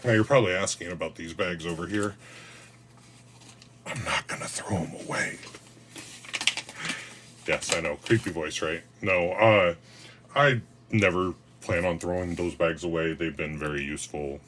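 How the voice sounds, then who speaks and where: A man's voice: low voice, steady tone, normal speed, a bit bright, slight background noise. A man talking casually through a home gardening vlog, rambling, self-mocking and cracking dad jokes. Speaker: gardening vlogger.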